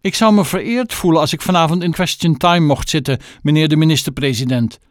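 A man's voice: a little high, a little fast, no room sound, studio quality, pitched above the performer's own voice, close to an everyday voice. A man voicing a pompous, snobbish mother and politician with an affected, posh phone voice. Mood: fawning.

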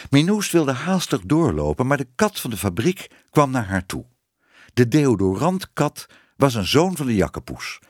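A man narrating a children's book in an expressive, varied reading. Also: medium pitch, moderate pace, dry recording, clean studio sound. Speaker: audiobook narrator.

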